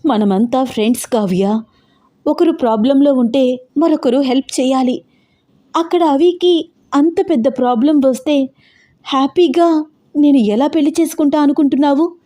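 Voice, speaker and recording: A woman voicing an emotional, fiery young bride who fires off rapid, agitated questions. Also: high-pitched, warm tone, voice pushed up, lightly acted. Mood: insistent.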